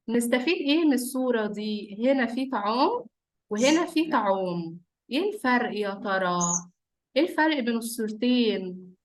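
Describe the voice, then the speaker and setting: Egyptian woman, high voice, teacher talking to little kids with simple coaxing questions and repeated praise. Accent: Egyptian Arabic. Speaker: teacher leading an online class of young children. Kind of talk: interactive lesson for small children. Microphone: computer or phone on a video call.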